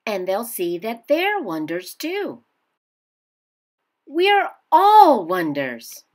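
Reading a picture book to small children, a woman takes her time, her voice full of expression and wildly swooping pitch. The delivery is classic storybook read-aloud, with a slightly mellow quality.

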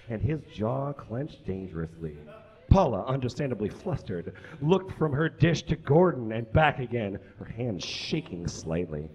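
On a small indoor stage with curtains, a young man gives a comic, dramatic reading of fan fiction to an audience, delivering it emphatically and sometimes tripping over his words. His voice is medium-pitched and slightly rough, and the live recording sounds slightly muffled.

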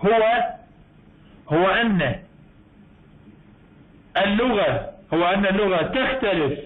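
A man with an Iraqi Arabic accent teaching university English in an online lecture, explaining slowly with many repeats and self-corrections. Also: high voice. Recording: tinny online-call audio.

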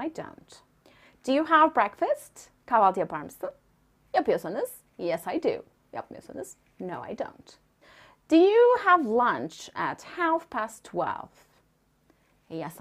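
A young adult woman teaching a language lesson, saying example sentences slowly and clearly and translating each one. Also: medium pitch. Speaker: English teacher.

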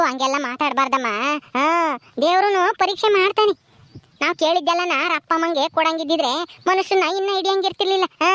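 A woman voicing a kind, patient sister-in-law in a cartoon, speaking gently and comfortingly. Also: high-pitched, no echo.

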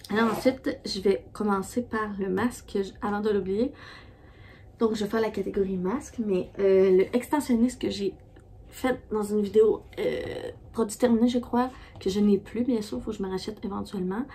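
A woman's voice: medium pitch, steady tone, moderate pace, mellow, breathy edge. A woman with a Québécois French accent chatting casually as a beauty vlogger, rambling with many fillers and restarts. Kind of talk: casual product review.

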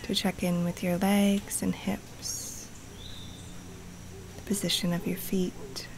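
A woman guiding a relaxation meditation in a soft, breathy, partly whispery voice, calm and soothing, with long pauses. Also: fairly low pitch, noisy background. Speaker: yoga nidra teacher guiding a meditation. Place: outdoors or open space in the jungle. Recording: live outdoor recording with jungle wildlife sounds. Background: faint jungle birds and insects.

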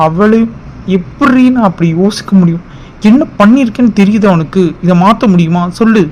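A man's voice: a little high, darkish tone, lo-fi sound, a little hiss or hum, close to an everyday voice. A man voicing an angry, betrayed young man who scolds and reproaches in a cartoon drama.

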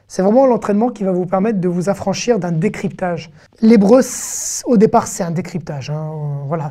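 A woman teaching an online language lesson, patiently explaining and repeating sounds slowly for learners. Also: medium pitch, dark tone. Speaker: Hebrew teacher.

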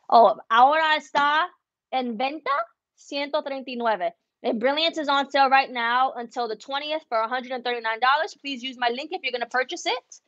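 This young adult embroidery vlogger, a native Spanish speaker, livestreams from her indoor studio in a casual mix of English and Spanish. She uses wireless earbuds, and her fairly high, somewhat bright voice has no echo but lacks high frequencies.

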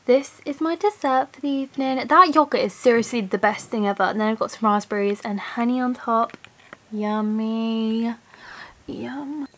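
Young woman vlogger from England, higher-pitched, gushing and chatty at home, faint hiss behind. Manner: gushing, chatty, quick to laugh. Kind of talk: casual vlog chat.

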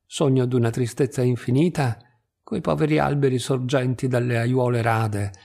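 A man reading a literary short story aloud in a measured, even narration. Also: medium pitch, creaky. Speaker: reader.

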